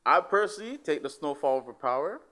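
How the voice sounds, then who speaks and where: A man with a slightly high voice. He banters casually in slang, blunt and jokey in how he puts things. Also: lively intonation, fast talker, pushed and bright. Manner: blunt, joking. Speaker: podcast panelist.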